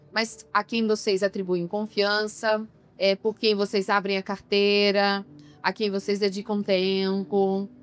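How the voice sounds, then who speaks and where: Emphatic woman coaching on communication. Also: medium pitch. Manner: emphatic, rhetorical questions. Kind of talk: podcast interview.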